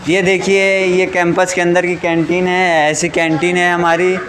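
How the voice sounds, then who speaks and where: A young man hosts a casual walking vlog, chatting upbeat and directly to viewers. His voice sits a little high and stays quite level in pitch. Faint open-air ambience sits behind him in an outdoor canteen. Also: little pitch movement, measured pace, a bit bright, a little hiss or hum. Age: young adult. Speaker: student vlogger touring a campus canteen. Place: outdoor college canteen under a metal roof. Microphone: small handheld clip mic held near mouth.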